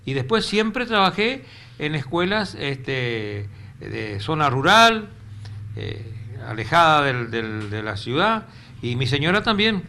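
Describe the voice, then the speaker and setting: Older Argentine man, bright voice. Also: fairly high pitch, big pitch swings, slow pace, creaky. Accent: Argentine Spanish, Corrientes. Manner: rambling, repeats words while searching for them. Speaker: retired teacher, interview guest. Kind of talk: casual interview. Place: local cable TV studio.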